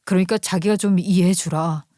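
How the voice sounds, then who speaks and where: A woman's voice: on the low side, steady tone, a little fast, warm tone, no room sound, lightly acted. Woman doing a placating young fiancé, pleading, story drama, dry mic. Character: young male fiancé, flustered peacemaker.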